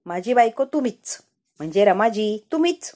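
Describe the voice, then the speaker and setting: A woman's voice: mid-range voice, expressive, moderate pace, darkish tone, close to an everyday voice. Lady putting on a happy drunk husband, rambling and teasing. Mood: tipsy teasing.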